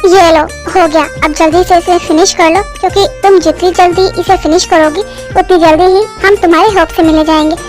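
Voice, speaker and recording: A woman voicing a gentle, patient young husband who coaxes and reassures, in an amateur fan dub. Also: very high-pitched, fairly even intonation, brisk, over music. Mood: soothing. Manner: coaxing, reassuring.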